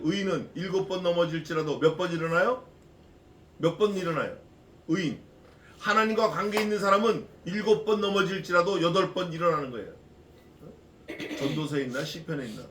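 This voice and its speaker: A man's voice: a little high, a little hiss or hum. Echoey, folksy male pastor preaching. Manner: folksy, animated preaching with rhetorical questions. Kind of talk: expository sermon. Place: church sanctuary. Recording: echoey church from a distance.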